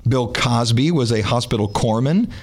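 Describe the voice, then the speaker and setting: A man's voice: mid-range voice, animated, normal speed. A man with a congested, sick-sounding voice hosting a casual music radio show, talking with dry, wry humour.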